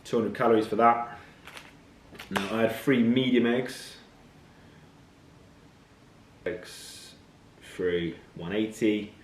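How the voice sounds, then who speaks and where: A man's voice: fairly low pitch, measured pace, roomy sound, a little hiss or hum. A man, a fitness coach talking casually to camera, chatty and blunt. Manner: chatty, blunt, matter-of-fact. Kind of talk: casual vlog talk to camera.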